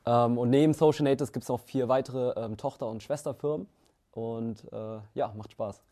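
A young man in his twenties talks about his path as a company founder in a relaxed interview. His voice is mellow and dark, and he often restarts sentences and fills pauses with hesitations. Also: medium pitch. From Germany. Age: 20s. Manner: relaxed, many fillers and restarts. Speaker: founder and CEO, interview guest. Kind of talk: casual interview answers.

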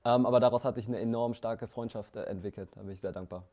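A young man in his twenties talks about his path as a company founder in a relaxed interview. His voice is mellow and dark, and he often restarts sentences and fills pauses with hesitations. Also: mid-range voice. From Germany. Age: 20s. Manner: relaxed, many fillers and restarts. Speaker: founder and CEO, interview guest. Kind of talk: casual interview answers.

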